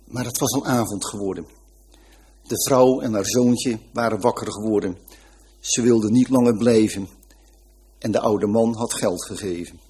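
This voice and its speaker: Husky earnest man reading a story. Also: fairly low pitch, normal speed, mellow.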